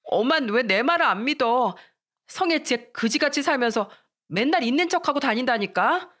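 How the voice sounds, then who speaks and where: A haughty little rich girl who bullies her classmates, her voice pitched high and sneering, swinging widely up and down as she jeers, as a woman storyteller puts her on. Her taunts come shrill and biting. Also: expressive, moderate pace, a bit bright. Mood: frightened whine. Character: spiteful rich schoolgirl bully, taunting and haughty.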